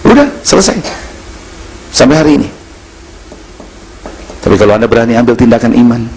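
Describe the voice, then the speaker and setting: A male pastor, preaching a sermon at a church service and telling a personal story in animated, slangy dialogue. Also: medium pitch, fairly quick, a little hiss or hum.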